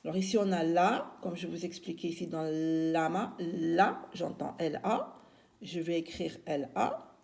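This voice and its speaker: Slow, deliberate woman teacher spelling words. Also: fairly low pitch, gravelly, darkish tone. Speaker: primary school teacher. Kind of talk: spelling lesson for young children.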